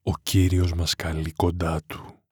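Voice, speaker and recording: An eerily calm son, played by a man, speaks flatly and coldly in a very deep, rough voice. It is a horror audiobook recorded close and dry, with no hint of panic. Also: no room sound. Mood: cold detached. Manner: flat, detached and cold. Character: eerily calm young son resigned to death.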